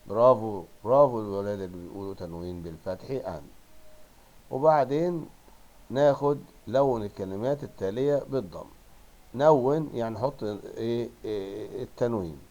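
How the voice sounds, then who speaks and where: A male teacher with an Egyptian accent giving a primary school Arabic lesson, drawing out words slowly and praising pupils. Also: on the low side, mellow. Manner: coaxing, drawn-out word modeling with praise.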